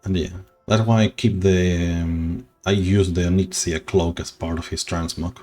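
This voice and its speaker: A man streaming a game, talking slowly and sentimentally, rambling with soft laughs. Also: low voice, fairly even intonation, soft background music. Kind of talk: casual game stream chat.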